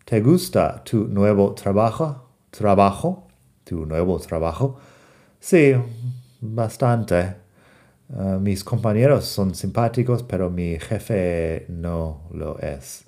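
A man's voice: low-pitched, expressive, warm tone. A man from the United States giving a podcast English lesson in Spanish, reading example phrases in English. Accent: American English. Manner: slow, explains in Spanish and reads English example lines. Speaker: English teacher.

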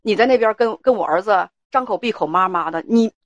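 A woman's voice: medium pitch, a little fast, no echo, highs cut off, natural voice. A woman acting as an indignant older mother-in-law. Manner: scolding, rhetorical questions.

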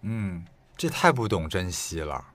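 A man's voice: sits low, big pitch swings, measured pace, a bit bright, dry recording. A man listening in casual chat, answering the storyteller with short sympathetic interjections and remarks. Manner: brief back-channel reactions, sympathetic interjections. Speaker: co-host listener.

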